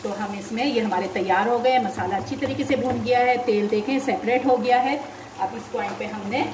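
Woman teaching a cooking recipe. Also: fairly high pitch. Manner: patient, explains each step and gives tips. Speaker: cooking channel host. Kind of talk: step-by-step cooking demonstration. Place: home kitchen, at the stove. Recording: echoey kitchen, mic far off, loud sizzling noise. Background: frying and sizzling.

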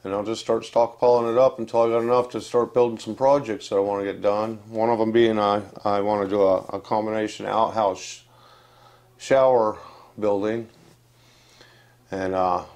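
Here the older West Virginian host speaks lowish and level at normal speed, his tone on the dark side. Miked with a lapel mic indoors among wooden furniture, he delivers a plain, rambling update to camera, stopping and restarting often and using many fillers.

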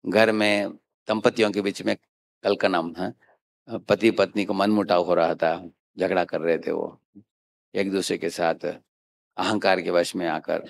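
Male preacher, low gravelly voice, conversational scripture talk that keeps prompting the audience. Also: little pitch movement, unhurried, long pauses. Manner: conversational, frequent "hain?" prompts to listeners. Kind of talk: Hindi scripture lecture.

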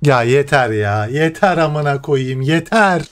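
A young man playing a football video game, commenting live, often cursing and yelling at the game. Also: medium pitch, lively intonation, a little slow, faint music behind. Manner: frustrated swearing, shouts at the game. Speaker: gaming streamer.

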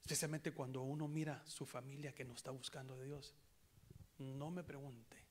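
A man preaching a sermon with a Latin American Spanish accent, swinging from hushed near-whispers to loud impassioned outbursts in a church. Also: mid-range voice, fairly even intonation, normal speed, slight background noise. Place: church sanctuary in Chicago.

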